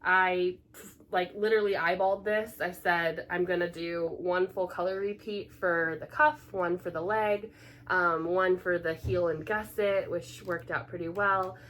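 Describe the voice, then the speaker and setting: A young woman co-hosting a casual knitting podcast, chatty and gushing, with sudden excited gasps. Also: lowish voice, unhurried. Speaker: podcast co-host.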